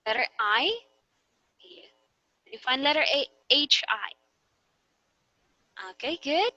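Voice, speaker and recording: A woman's voice: sits high, expressive, takes it slowly, sharp tone, dry recording, highs cut off. A woman with a Filipino English accent giving a classroom demonstration lesson, patiently guiding students with questions and light laughs. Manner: patient, guiding questions with frequent okay and right. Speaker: teacher.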